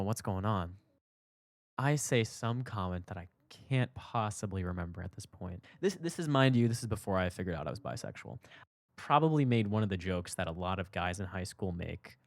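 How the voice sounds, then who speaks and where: A man's voice: sits low, no echo. Candid young man telling a story, dry sound. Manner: reflective, candid, swings between loud emphasis and soft asides. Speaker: podcast host. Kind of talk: personal storytelling monologue.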